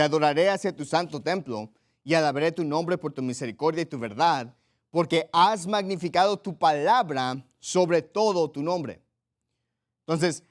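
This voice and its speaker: A pastor preaching a sermon emphatically, repeating his points, checking in with the congregation and reading Bible passages aloud. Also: fairly high pitch. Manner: directs listeners to Bible passages and reads them aloud.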